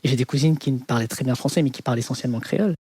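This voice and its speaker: A man from France with a Parisian French accent, in his thirties, telling his life story in an interview and pausing often on fillers. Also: mid-range voice, a little mellow, husky, no echo. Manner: hesitant, many fillers like "on va dire". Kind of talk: reflective personal testimony.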